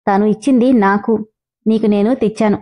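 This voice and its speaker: A woman's voice: mid-range voice, steady tone, moderate pace, dark tone, close to an everyday voice. A woman voicing a bossy young boy who scolds but looks after a little girl, in a storybook reading. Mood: scolding.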